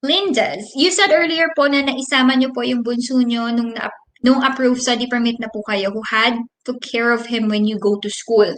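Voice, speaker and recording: In an echoey room, a woman in her thirties from the Philippines runs a casual live question-and-answer stream in a blend of English and Tagalog. She speaks at a normal pace with a slightly high voice and fairly even intonation, her Filipino accent clear as she warmly reads out viewers' comments and explains things at length.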